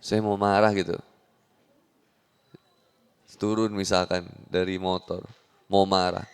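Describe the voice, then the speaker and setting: A man preaching with a Sundanese accent to a women's audience, lively and jokey, acting out little everyday scenes in different voices. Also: sits low, slow pace, clear, resonant tone. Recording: long hall reverb.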